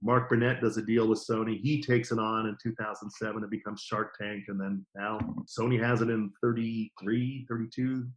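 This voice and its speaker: A middle-aged man, a guest on a podcast, telling stories about his career in a casual, lively way and acting out the quotes. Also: lowish voice, normal speed, few pauses, low-quality recording. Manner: lively anecdotes with acted-out quotes. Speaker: podcast guest, TV formats distributor. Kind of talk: casual interview storytelling.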